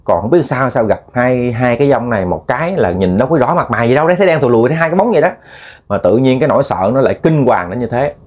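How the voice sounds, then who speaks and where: A man's voice: medium pitch, expressive, rapid-fire, a little mellow. A man with a Southern Vietnamese accent telling a ghost story in a chatty, repetitive way, addressing listeners as family. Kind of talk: casual spoken storytelling.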